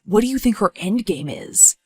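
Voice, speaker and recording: A woman voices a supportive man in story dialogue. He is calm and dry, quietly asking questions in a low-key way, pitched a little under a usual female voice. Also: moderate pace, husky, soft background music. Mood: dryly inquisitive. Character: supportive, inquisitive male partner, calm and dry.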